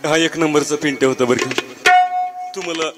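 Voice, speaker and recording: In this comic folk number, a man with a fairly high, natural-sounding voice plays a bragging village mother who coos over and coaxes her huge adult baby in sing-song calls. He speaks fairly quickly with fairly even intonation, and the tone is doting and teasing, backed by tabla and folk music.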